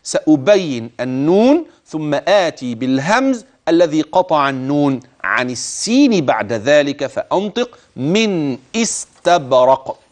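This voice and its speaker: A man teaching the rules of Quran recitation. He speaks straight to the listener, urges attention, and slowly stretches words to demonstrate how they should be pronounced. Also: a little high, big pitch swings. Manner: addresses the listener directly, urging attention. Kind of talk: tajweed lesson with recited examples.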